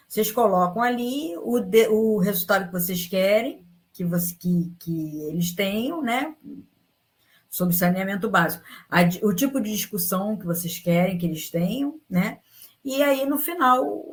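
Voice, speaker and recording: A woman teaching an online class. She rambles, restarts her sentences and checks in with her students after almost every point. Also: mid-range voice. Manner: rambling, frequent fillers and restarts.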